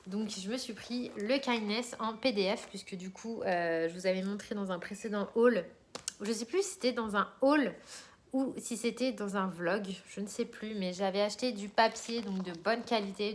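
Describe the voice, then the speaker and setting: A woman's voice: medium pitch, moderate pace. A woman with a mid-range voice talks casually to her viewers, showing off new purchases. She rambles, restarts and fills gaps with hesitations. Faint background noise sits under her voice. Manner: chatty, rambling, many fillers and restarts. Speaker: coloring book vlogger.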